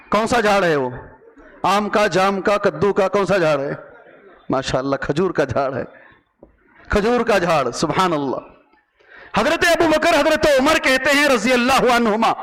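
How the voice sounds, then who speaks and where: Male preacher giving a sermon, high bright voice, asks the crowd stuff then answers it himself. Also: rough recording. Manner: lively, asks the audience questions and answers himself; often drops into a lower voice then rises again. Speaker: Islamic preacher. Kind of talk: sermon to a live audience.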